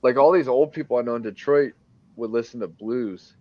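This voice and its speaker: A man's voice: mid-range voice, brisk, no room sound. A man who drives trucks, chatting casually and rambling with lots of "like" and frequent laughs. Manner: rambling, heavy on "like", laughs often. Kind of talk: casual group chat. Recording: dull lo-fi recording.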